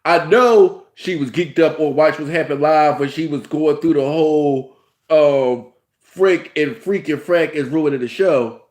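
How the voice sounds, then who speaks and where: In a casual vlog reviewing reality TV, a thirty-something male host with a cold meanders along, constantly saying "you know" and restarting his thoughts. His voice is fairly high and a little mellow, delivered at a measured pace.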